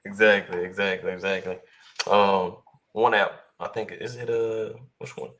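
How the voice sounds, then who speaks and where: A male podcast host with a slightly low voice runs a relaxed interview. He agrees readily and feels his way through each sentence with stops and restarts. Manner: agreeable, halting, with fillers and restarts. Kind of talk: casual interview chat.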